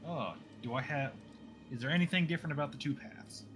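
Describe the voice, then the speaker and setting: A man's voice: fairly high pitch, fast talker, a bit bright, soft background music. A man casually playing a character in a tabletop game, talking in a blunt way. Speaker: player.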